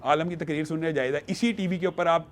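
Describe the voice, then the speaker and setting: A man on a studio panel with a fairly high-pitched voice drives his argument home with firm emphasis. He quotes scripture and presses each point like a debater. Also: slight background noise. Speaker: religious panelist.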